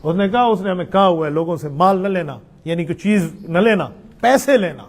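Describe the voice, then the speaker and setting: A middle-aged man, a mufti, answering religious questions in a patient, conversational way, weaving in personal anecdotes. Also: high voice. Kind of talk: religious Q&A with storytelling.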